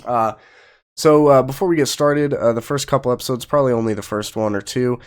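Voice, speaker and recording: A man who's recovering from a cold hosts a gaming channel, offering casual let's play commentary. His medium-pitched voice is brisk and smooth, and he explains things in a loose, rambling, informal style.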